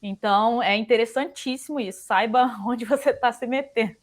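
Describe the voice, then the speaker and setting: A woman's voice: fairly high pitch, normal speed. A young woman on a career panel, reflective, thinking aloud with small restarts. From Brazil. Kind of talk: casual panel talk giving career advice.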